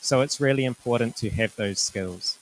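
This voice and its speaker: Speaking to students in an informational presentation, a middle-aged New Zealand university director with a New Zealand accent is polite, measured and explanatory. His voice is mid-range, and the recording quality is low.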